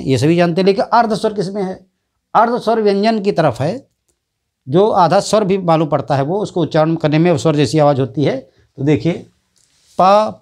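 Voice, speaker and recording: A man teaching an exam-prep lesson in a Hindi accent, repeating each letter and answer slowly. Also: a little high, darkish tone.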